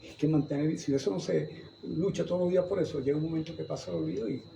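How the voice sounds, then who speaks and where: An older Venezuelan man with a Venezuelan Spanish accent, a guest historian, recalls local history in a rambling museum talk full of restarts and repeated words, told as conversational storytelling in an indoor gallery. His fairly high voice is fast, creaky and mellow, on poor audio with a little hiss or hum.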